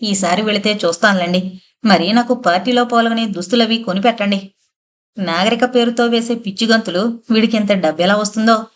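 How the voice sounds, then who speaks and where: A woman voicing a young wife, gentle but sharp-witted, who speaks in a teasing, plain-spoken way. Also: mid-range voice, fairly quick, close to an everyday voice.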